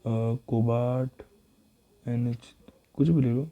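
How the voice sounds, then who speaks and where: This time he speaks slowly in a steady, medium-pitched voice, and the audio sounds narrow and tinny. He guides students through worked chemistry revision examples step by step, calling them beta while thinking aloud and correcting himself.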